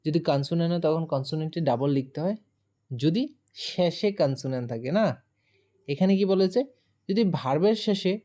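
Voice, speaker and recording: A woman's voice: low voice, dark tone, lo-fi sound. A woman teaching a grammar lesson, explaining each rule step by step, spelling words letter by letter and asking her students questions as she goes.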